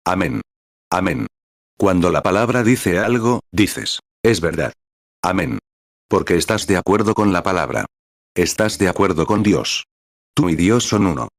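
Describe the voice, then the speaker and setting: Low-voiced man reading a sermon aloud. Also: no echo, clean studio sound. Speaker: reader of a translated sermon.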